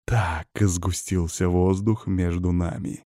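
A man narrating a first-person audiobook in an even, gruff storytelling voice. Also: sits low, takes it slowly, no echo, studio quality.

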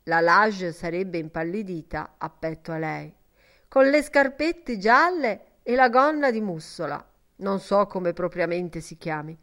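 A woman's voice: fairly low pitch, measured pace, a bit bright. A woman reading an earnest young man in an audiobook, speaking fervently and in a confiding tone.

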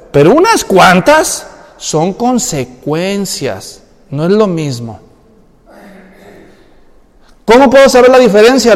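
A pastor delivers a sermon, slipping into dramatized, colloquial voices for the people in his story. His voice is high for a man and somewhat dark in tone, with a long hall reverb trailing each phrase.

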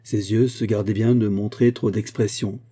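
Dark, husky male narrator. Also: fairly low pitch. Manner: measured, expressive reading with dialogue voiced. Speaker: audiobook reader. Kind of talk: literary narration.

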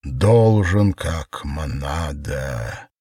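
A man voicing a grim, unhinged husband who mutters slowly and heavily in a storybook reading. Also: a bass voice, animated, mellow, slightly rough, distant mic, soft background music, voice pushed down, heavily acted. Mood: brooding.

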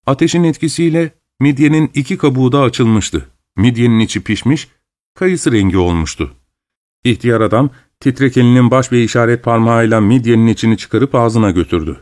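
A man narrating a novel as an audiobook in a steady, even storytelling delivery. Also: medium pitch, brisk. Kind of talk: scripted narration.

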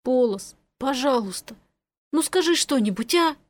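A woman voicing a hot-tempered, desperate young man in an audiobook, shouting and pleading. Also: high voice, expressive, a little slow, no room sound, pitched above the performer's own voice.

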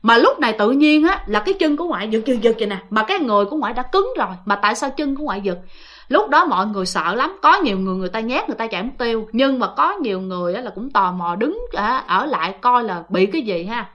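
A woman's voice: fairly high pitch, very animated, fast talker, fairly bright tone, highs cut off. A woman telling ghost stories in a chatty, casual way, often speaking straight to her listeners. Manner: chatty, addresses listeners directly, lots of fillers. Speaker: ghost story narrator. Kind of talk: casual spoken storytelling.

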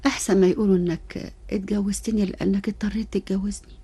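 An actress with an Egyptian accent playing a resolute, self-sacrificing young student in love, breathy, in a radio melodrama. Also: female voice, mid-range voice, little pitch movement, fast talker, warm tone. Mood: firm, pained.

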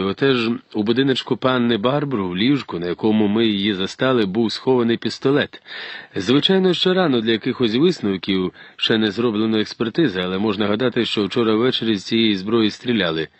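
A man reading an audiobook, voicing a composed police inspector who speaks in a calm, official manner. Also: on the low side, no room sound, natural voice. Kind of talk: audiobook character voice.

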